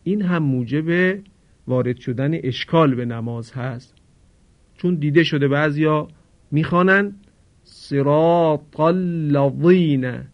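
A man teaching Quran recitation in a formal radio lesson, slowly demonstrating how to pronounce each sound. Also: fairly high pitch. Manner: slow, careful demonstration of sounds; formal and polite. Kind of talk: radio lesson on Arabic pronunciation. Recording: dull lo-fi radio recording.

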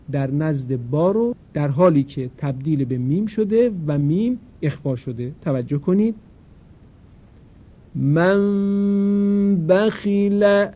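A man teaching the rules of Quran recitation, explaining each rule plainly and then demonstrating it with slow, drawn-out recitation. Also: fairly high pitch, mellow, slightly rough. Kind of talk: recorded tajweed lesson. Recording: dull lo-fi recording.

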